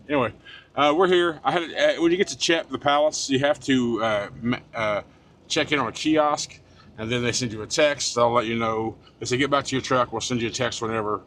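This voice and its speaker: A man's voice: mid-range voice, a bit bright, a little hiss or hum. A middle-aged man talking casually to the camera from his truck cab, rambling with frequent restarts and fillers, blunt and swearing now and then. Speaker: trucker vlogger. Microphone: small handheld camera.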